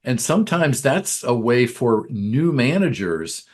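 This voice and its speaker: Measured man explaining on a podcast. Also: medium pitch, sing-song, a little mellow. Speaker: podcast co-host, business coach. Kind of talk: casual podcast chat.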